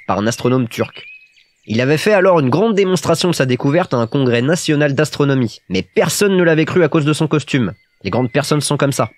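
A man narrating a storybook audiobook in a lively, expressive storytelling manner. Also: medium pitch.

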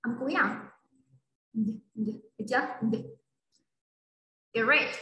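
A woman's voice: fairly high pitch, takes it slowly, bright, forceful tone, reverberant, low-quality recording. A woman teaching English to a child in a one-on-one online lesson, patient and coaxing as she repeats drills. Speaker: English tutor. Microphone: video call.

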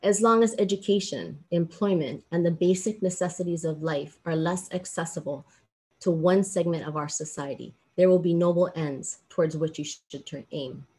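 A middle-aged law professor from Hawaii delivers a formal commencement speech over a video call from a small indoor room with a plain backdrop. She is earnest and measured, using emphatic pauses, and her voice is on the low side and a little mellow.

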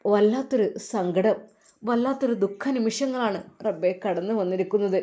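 A woman storyteller tells a sad religious tale. She narrates with strong emotion, breaking into exclamations. Her pitch sits at an ordinary middle level. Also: moderate pace, dark tone.

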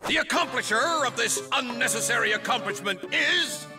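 A boisterous cartoon pirate captain who booms his lines like a game-show announcer. The voice sits very high with a gravelly edge and lively swoops. Music plays under it. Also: moderate pace. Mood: hearty. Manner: booming pirate talk, theatrical announcer. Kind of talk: cartoon voice acting.

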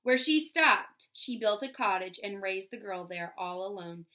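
A woman's voice: medium pitch, expressive, a little slow, sharp tone. A woman teacher reading a fairy tale aloud to young children, stopping to explain words and ask the class questions. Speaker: first-grade teacher.

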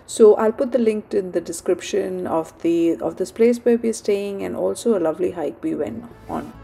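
A woman's voice: medium pitch, normal speed, over music. A middle-aged woman from India, chatting casually on her phone camera in a travel vlog, with lots of fillers and restarts. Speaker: vlogger. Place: outdoors, in a car and in a small cottage. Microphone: phone camera at arm's length. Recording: phone video with clear background noise.

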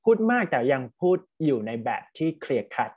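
Husky, chatty male teacher. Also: mid-range voice, very animated, darkish tone, muffled recording. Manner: quick, chatty, mixes English words into speech. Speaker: university English teacher. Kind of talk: casual feedback chat with a student. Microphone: online class call.

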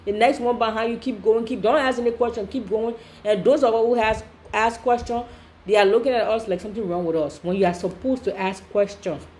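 A woman's voice: a little high, steady tone, brisk, darkish tone. A woman host giving emphatic, repetitive reaction commentary, preaching about questioning things.

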